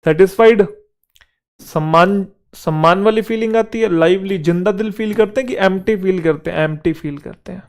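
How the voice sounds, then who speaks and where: A young man teaching English in a relaxed lesson that mixes Hindi and English, asking questions and answering them himself, and reading the English sentences slowly. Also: high voice. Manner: conversational, asks and answers his own questions. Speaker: English teacher for exam prep.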